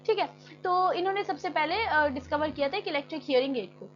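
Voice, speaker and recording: A woman teacher giving a classroom lecture. She reads textbook lines slowly in English, then explains them in casual Hindi. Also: high-pitched, lo-fi sound, a little hiss or hum.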